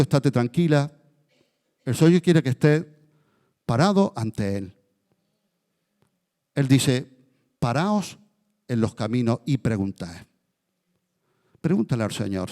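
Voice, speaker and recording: A male pastor leading a church prayer, his voice of ordinary pitch. He swings between fervent, mounting declarations and quiet, slow passages. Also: in a large hall. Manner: fervent, rising in intensity then dropping to a hushed, slow prayer. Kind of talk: sermon prayer.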